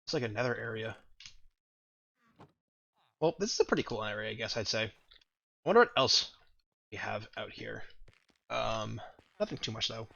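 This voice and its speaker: A man with a lowish, groggy morning voice talks through his gameplay, wandering from thought to thought as he plays. The recording is dull and lo-fi. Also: animated, normal speed, vocal fry, long pauses, sharp tone. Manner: rambling, thinking aloud while playing. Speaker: gaming video host. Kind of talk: casual let's-play commentary.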